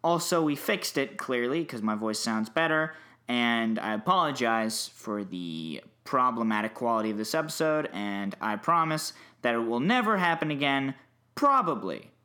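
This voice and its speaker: Male podcast host, mid-pitched, self-deprecating and apologetic, informal solo delivery. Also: big pitch swings, moderate pace, pushed and bright. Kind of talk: casual spoken introduction.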